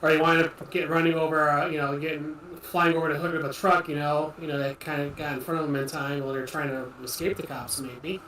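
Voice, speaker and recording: A man in casual livestream chat with a slightly raised pitch, rambling along and leaning on "you know" between thoughts. He sits back from the mic in an echoey room with a faint hiss underneath. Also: level tone, fast, hardly any pauses, a bit bright, recorded from a distance. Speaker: livestream host.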